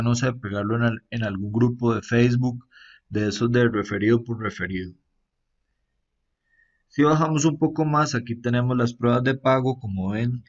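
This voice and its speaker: A man giving a relaxed walkthrough of a phone app, often tagging sentences with a questioning aside and pausing on fillers. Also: medium pitch, dull audio. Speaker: app reviewer. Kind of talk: casual screen-recorded app walkthrough.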